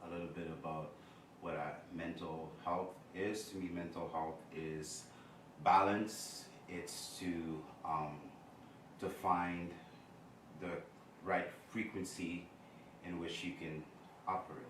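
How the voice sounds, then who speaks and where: A very deep male voice, unhurried and thoughtful, with many pauses. He is from Congo and sounds far from the mic in an echoey room, with noise behind him. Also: fairly even intonation. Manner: slow and reflective, with many pauses and fillers. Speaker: guest performer. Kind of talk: casual self-introduction. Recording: distant roomy recording with noise.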